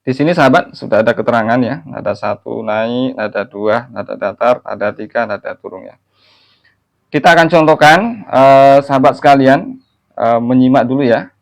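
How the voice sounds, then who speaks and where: A man's voice: mid-range voice, normal speed, creaky. A man teaching Quran recitation in an online lesson, patiently explaining and repeating each point to his listeners. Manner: patient, repeats and addresses listeners warmly as friends; demonstrates melodic chanted phrases.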